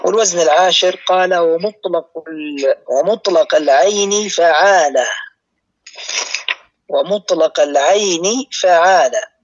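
A man teaching a lesson on word patterns, who speaks slowly and repeats each pattern for his students. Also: on the high side. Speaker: teacher of Arabic morphology. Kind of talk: live online lesson. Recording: muffled lo-fi audio.

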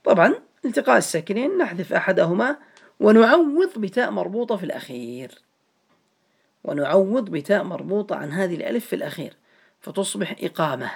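A man's voice: high-pitched, sing-song, fast talker, creaky, husky. A man teaching a grammar lesson to a class, patiently repeating each step and calling on students by name.

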